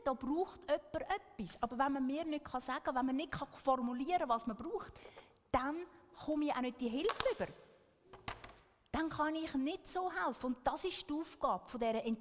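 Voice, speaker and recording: A woman's voice: high voice, long reverb tail, a little hiss or hum. A woman giving an earnest talk to an audience, often checking in with a questioning "right?". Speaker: speaker.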